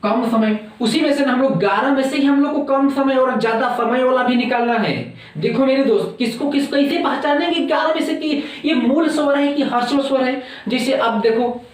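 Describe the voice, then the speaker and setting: A man's voice: very high-pitched, moderate pace, distant mic. A man teaching a competitive-exam grammar lesson, repeating words and telling viewers again and again to note it down. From India. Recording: echoey room, voice off-mic.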